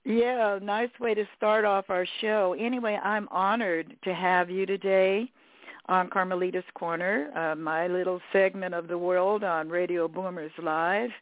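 A woman's voice: on the low side, fairly even intonation, measured pace, dry recording. Female radio host on a tinny, dry phone line; chatty and rambling. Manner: warm, rambling, with fillers. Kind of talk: radio interview.

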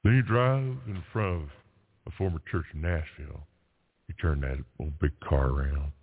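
A man calling in to a radio show over a phone line, reciting a poem and chatting with halting fillers. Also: rumbling low, husky, no echo. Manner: halting, many fillers and restarts when chatting. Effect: heard over a phone line on a radio call-in show. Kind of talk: poetry recitation and casual chat. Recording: tinny phone line, dry.

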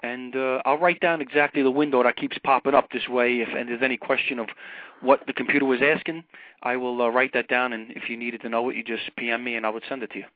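A man's voice: mid-range voice, level tone, quick pace, no echo. A man with a Brooklyn New York accent, chatting casually as a caller over the telephone. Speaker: phone-in caller. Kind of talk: casual chat. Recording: muffled, lo-fi phone call.

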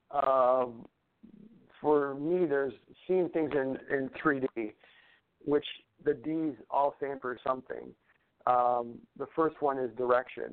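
A man guest on a talk show, speaking in a casual, rambling way and often repeating words as he explains his advice. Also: mid-range voice. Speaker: guest, natural medicine practitioner. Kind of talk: conversational interview talk. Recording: tinny phone-like line.

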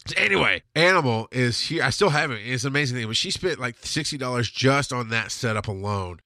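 Recording a podcast in his home studio, a man tells a long, rambling, profane personal story, laughing often and sounding stuffy-nosed. His medium-pitched voice is expressive, bright, and forceful, a little fast, with no room sound.

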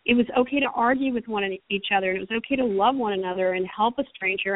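Guest spot: middle-aged woman, fervent and rambling, slightly high voice, dry tinny phone line. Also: a little hiss or hum. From United States. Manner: passionate, rambling, frequent restarts. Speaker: screenwriter guest. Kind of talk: phone-in interview.

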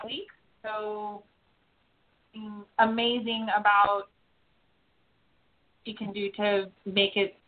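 A woman hosting a live call-in radio show, her phone connection breaking in and out so her phrases come through halting and broken. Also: medium pitch, level tone. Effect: choppy phone connection cutting in and out. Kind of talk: casual live call-in chat. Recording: tinny phone line.

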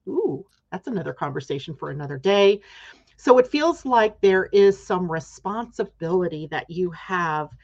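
A woman's voice: lowish voice, highs cut off. A woman hosting a live astrology show, reading a guest's chart and explaining it step by step, often checking in with "right?". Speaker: astrology host.

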